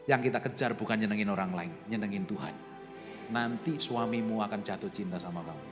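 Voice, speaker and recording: A male pastor with an East Javanese accent preaching a lively sermon to his congregation, teasing them and acting out little quotes. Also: lowish voice, brisk. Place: church service hall. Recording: reverberant church hall with music.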